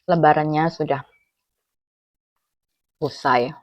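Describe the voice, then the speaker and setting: Low-pitched Javanese-accented woman, talking with mouth full. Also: fairly even intonation, takes it slowly, a little mellow, dry recording, lo-fi sound. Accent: Javanese from Cilacap. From Cilacap, Central Java, Indonesia. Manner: talks with mouth full while eating, with savouring hums. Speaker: food vlogger. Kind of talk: casual eating chat, mukbang.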